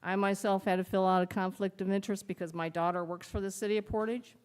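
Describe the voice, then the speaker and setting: A woman's voice: medium pitch, level tone, fast, darkish tone. A woman who is clerk treasurer, giving her report at a council meeting in a chatty, hesitant way.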